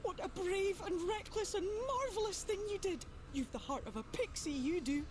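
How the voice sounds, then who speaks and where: A woman playing an excitable, mischievous, regal pixie in a fantasy video game, with a lilting, theatrical leprechaun-like manner. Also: very high-pitched, normal speed, slight background noise. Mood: excited, teasing.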